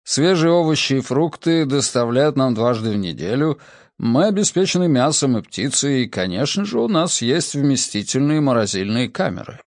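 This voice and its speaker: A man's voice: medium pitch, lively intonation, normal speed, dry recording, clean studio sound, close to an everyday voice. A man voicing a good-natured doctor hosting guests. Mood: genial. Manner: genial, hospitable.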